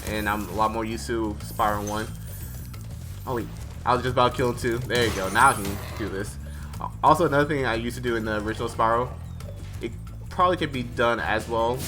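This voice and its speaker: A young man giving casual, rambling commentary while playing a video game. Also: medium pitch. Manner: rambling, chatty, self-correcting. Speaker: gaming streamer. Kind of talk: casual let's-play commentary. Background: game music.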